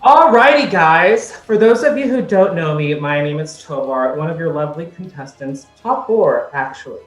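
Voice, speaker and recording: A man's voice: on the high side, expressive, moderate pace, faint music behind. A man performs a crude roast in a campy, sassy way, and he swears freely. He is heard over a video call, and his voice carries a roomy echo. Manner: sassy, profane, campy delivery. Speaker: roast contestant.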